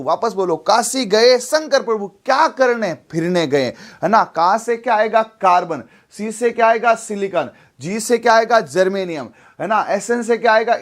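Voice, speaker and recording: Male chemistry teacher, high voice, repetitive call-and-response lecturing. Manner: repetitive, drilling, asks and answers his own questions.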